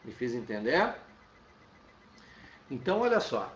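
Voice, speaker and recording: Male teacher, slow, echoey and distant. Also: mid-range voice, big pitch swings, a little hiss or hum. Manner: explains step by step, checks in with "tá?". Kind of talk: classroom lecture. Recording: roomy, dull sound from off-mic.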